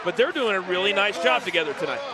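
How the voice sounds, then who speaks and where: A man's voice: sits high, lively intonation, fast talker, a loud crowd, very noisy. A man giving analytical colour commentary on a live wrestling broadcast.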